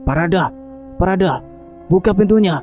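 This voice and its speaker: A man voicing a panicked young male religious teacher who hides a crime, talking urgently and shouting with a shaky voice. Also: on the high side, fairly even intonation, fairly quick, faint music behind, voice pushed up, close to an everyday voice. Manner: urgent, shouting, voice trembling with fear.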